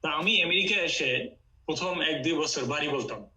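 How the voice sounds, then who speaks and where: A man's voice: a little high, animated, normal speed, pushed and bright, rough recording. A man from Bangladesh teaching an online Quran Arabic class, explaining step by step and mixing in English.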